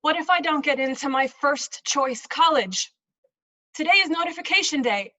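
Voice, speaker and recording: A woman's voice: high-pitched, animated, normal speed, pushed and bright, no echo, voice pushed up. A woman performing a monologue as an anxious mother on college notification day, nervously correcting herself as she goes.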